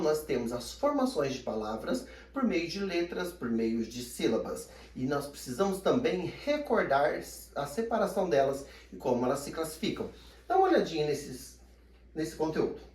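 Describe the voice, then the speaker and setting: A man teaching a recorded grammar lesson, his pitch rising and falling in lively swings. He stretches out the syllables he wants to stress and plays his own students asking questions. The sound is roomy and echoey, with the speaker a little away from the microphone. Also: distant mic. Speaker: Portuguese language teacher. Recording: echoey room, somewhat off-mic.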